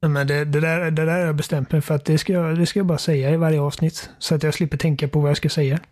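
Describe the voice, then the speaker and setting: Young guy, kinda high voice, teasing his cohost, laughs a lot, casual podcast. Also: little pitch movement, darkish tone. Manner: playful and teasing, laughs often. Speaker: podcast co-host. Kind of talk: casual chat.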